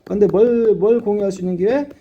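A middle-aged man with a high voice, its highs cut off in the recording, teaches an English reading lesson as a classroom lecture. Blunt and casual, he keeps firing quick questions to check whether his students understand.

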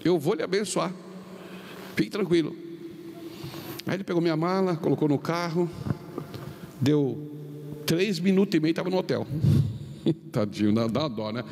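Middle-aged Brazilian male preacher, fairly high voice, long arena reverb, storytelling sermon. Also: animated, moderate pace, gravelly, pauses often, a little mellow. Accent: Brazilian Portuguese. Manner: tells anecdotes with quoted dialogue, pitch swings up and down. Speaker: pastor. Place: large arena. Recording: long reverb of a large arena, faint noise.

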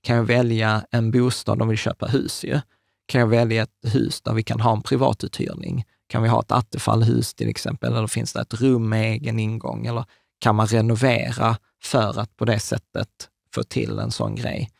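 With a lowish, gravelly, very animated voice, a podcast co-host in his thirties explains things excitedly in a relaxed chat. Restarts and fillers pepper his speech, and he gestures while talking. He's recorded on a large studio mic on a table stand in a small room, free of room sound.

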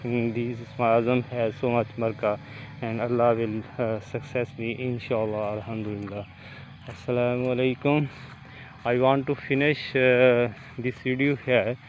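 A man vlogging outdoors on a golf course while walking, talking haltingly with many fillers into a phone camera. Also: medium pitch, level tone, lo-fi sound, slight background noise. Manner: halting, many fillers, non-native phrasing. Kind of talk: walking vlog, reciting prayers then casual talk. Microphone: phone camera held while walking.

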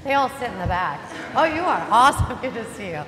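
A woman's voice: a little high, big pitch swings, fast talker, fairly bright tone, a little hiss or hum. A woman pastor giving an Easter sermon in a church, chatty and joking as she welcomes the congregation. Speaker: interim pastor. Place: church sanctuary. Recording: reverberant church hall, faint ambience.

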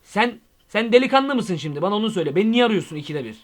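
A young man doing a comic vlog monologue, excitable and rambling, full of slang. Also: high-pitched, racing. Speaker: YouTube comedian.

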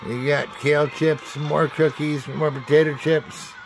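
Slow, gravelly dad narrating home video. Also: male voice, a little high, level tone, over music. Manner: playful, teasing running commentary. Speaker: parent filming his child.

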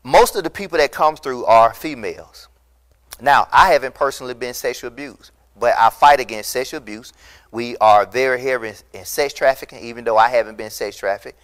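This middle-aged pastor speaks fairly quickly in a mid-range voice, preaching a recorded sermon to an empty church hall. He's emphatic and impassioned, hitting loud peaks, and is recorded on a lapel mic.

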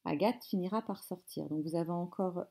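A woman giving an acted reading of a comic stage play, with a theatrical delivery and hushed asides. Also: on the low side, fairly quick, creaky, husky.

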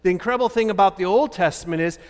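A man in his fifties preaches from a lectern in a large church, his voice high for a man. He poses rhetorical questions and answers them with animated emphasis. A long hall reverb trails each phrase. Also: racing. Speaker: pastor. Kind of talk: sermon.

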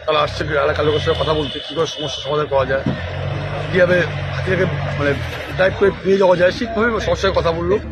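A man's voice: a little high, fairly even intonation, fast, loud music behind the voice. A man in his forties with an Indian Bengali accent giving a spontaneous interview outdoors as a local resident. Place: outdoors among a crowd under trees.

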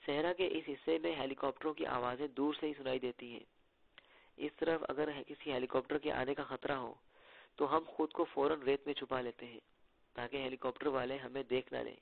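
A man's voice: mid-range voice, steady tone, normal speed, vocal fry, no echo. A man voicing a serious, cautious male guide who explains things in an earnest, matter-of-fact way, heard through tinny phone-like audio.

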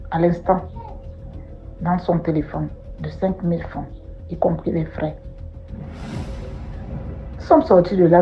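A woman recounting a personal testimony, plainly told, rising high and urgent in distress. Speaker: testimony speaker. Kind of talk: personal testimony, spoken storytelling. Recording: dull lo-fi audio with faint music.

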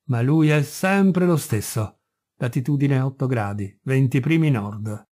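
A man voicing a delirious, spiteful first mate who rants and mocks in a shrill, unhinged way. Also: a little slow, a little mellow, close to an everyday voice. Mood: brooding menace. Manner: ranting, mocking, shrill when furious.

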